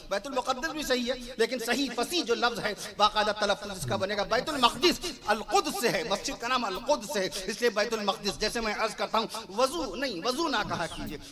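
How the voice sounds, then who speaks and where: Very high-pitched man, fiery sermon. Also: hardly any pauses. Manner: declamatory, shouted rhetorical questions and repetition. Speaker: Islamic preacher. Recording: crowd murmur at a religious gathering.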